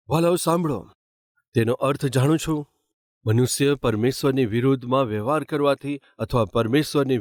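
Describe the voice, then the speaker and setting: A man's voice: medium pitch, dry recording, studio quality. A man preaching a sermon as pastor, asking his listeners rhetorical questions. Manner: asks the congregation rhetorical questions.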